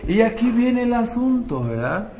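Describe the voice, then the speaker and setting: A man's voice: extremely high pitch, sing-song, unhurried, warm tone, dull audio. A man preaching a conversational sermon, often asking the congregation rhetorical questions. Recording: echoey room, faint ambience.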